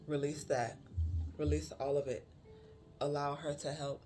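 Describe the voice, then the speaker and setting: A spiritual card reader giving a channeled reading to viewers, repeating phrases for emphasis, with many pauses and fillers. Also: mid-range voice, little pitch movement, darkish tone. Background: music.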